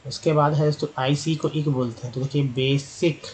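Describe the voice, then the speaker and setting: A man's voice: on the high side, steady tone, normal speed, a little mellow, slight background noise. Man sounding out English words. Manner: explains by spelling out letters and sounding out words; addresses viewers as friends. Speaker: English teacher. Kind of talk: explaining a lesson.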